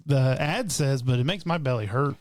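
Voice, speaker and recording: A man's voice: medium pitch, moderate pace, no echo. A man co-hosting a podcast, chatting in an easygoing, rambling way that trails off and restarts. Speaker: podcast co-host. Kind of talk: casual chat.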